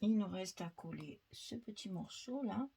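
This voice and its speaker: A woman's voice: mid-range voice, animated, measured pace, creaky, warm tone, slightly rough. A woman chatting her way through a scrapbooking tutorial, thinking aloud, filling gaps with little fillers and laughing at herself. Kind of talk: casual crafting tutorial.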